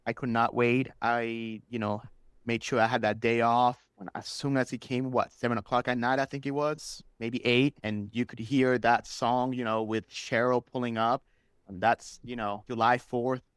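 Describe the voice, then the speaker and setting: A man whose first language is Spanish chats enthusiastically and casually as a podcast guest, a superfan telling stories in an interview. His medium-pitched voice is level, a bit bright, clear and resonant, at a moderate pace, with no room sound.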